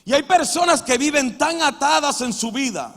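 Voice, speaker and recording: High-voiced pastor preaching in a reverberant church. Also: male voice, expressive, normal speed. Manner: emphatic preaching, swings between loud and quiet. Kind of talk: sermon. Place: church hall.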